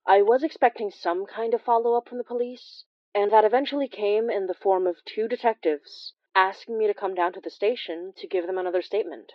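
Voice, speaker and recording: Playing a wry, observant immigrant healer, a woman tells a horror audio drama in a measured, confiding manner punctuated by dramatic pauses. Her mid-range voice is close to how she'd speak every day, captured in lo-fi sound with no echo.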